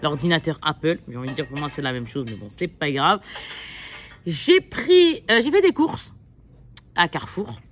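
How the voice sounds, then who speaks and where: A mother of several kids chats casually with her viewers while showing off a shopping haul, rambling with lots of fillers and self-corrections. Her deep voice swings widely in pitch at normal speed, with slight background noise.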